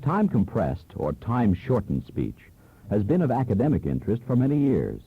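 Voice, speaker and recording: A man's voice: lowish voice, wildly swooping pitch, brisk, husky. Man on a muffled old cassette tape. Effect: old worn cassette tape copy from the early 1970s. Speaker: product demo narrator. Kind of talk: scripted promotional narration.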